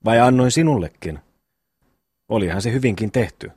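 A blustering eldest peasant brother who scolds and orders everyone about, as a male audiobook reader plays him. His low, husky voice swings widely in pitch. The sound is close and dry. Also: expressive, a little mellow, no room sound. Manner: bossy, quick to scold.

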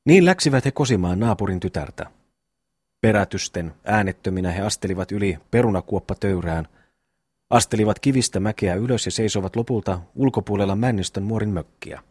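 Male audiobook narrator, low husky voice, dry close sound. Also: darkish tone, no echo. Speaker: audiobook reader. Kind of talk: classic novel audiobook narration.

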